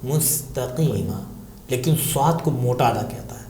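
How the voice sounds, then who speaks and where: A man's voice: mid-range voice, warm tone, reverberant, slight background noise. A man teaching Quran recitation rules, patiently repeating sounds and examples. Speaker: Tajweed teacher answering questions. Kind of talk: religious lesson explaining Quran recitation.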